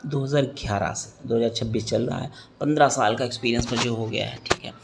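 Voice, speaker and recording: Gravelly man teaching English grammar. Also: medium pitch, steady tone, fast talker, background noise. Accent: Hindi. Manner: patient, repeats key points, checks in often. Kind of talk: classroom lesson explaining to students.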